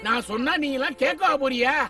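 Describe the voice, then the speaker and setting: An actress playing a sharp-tongued older woman who scolds and lectures, in film dialogue. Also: sits high, fast talker. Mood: scolding. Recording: distant film sound with music.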